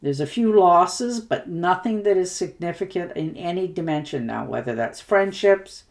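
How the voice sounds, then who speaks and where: A woman's voice: fairly low pitch, expressive, normal speed. A woman giving a casual tarot reading in a reassuring, chatty way, with many fillers. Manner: warm reassuring talk with fillers; hiccuping at times. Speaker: tarot reader.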